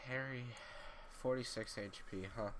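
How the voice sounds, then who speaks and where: A man's voice: mid-range voice, measured pace, background noise. A man giving casual, wry gameplay commentary, sleepy and drowsy after just waking up. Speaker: gaming YouTuber.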